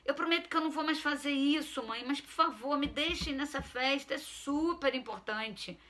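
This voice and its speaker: Woman playing a sulky teen boy in a storybook reading, raised and bright, insistent and exasperated. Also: high-pitched, normal speed, pitched above the performer's own voice. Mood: pleading. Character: pushy, sulky teenage boy pleading with his mother.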